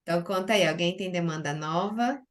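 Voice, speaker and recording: Chatty Brazilian woman, slightly low voice. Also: a little fast. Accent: Brazilian Portuguese. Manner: chatty and lively, with many diminutives and filler "né". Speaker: doctor giving a live stream on essential oils. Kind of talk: casual live-stream talk to a chat.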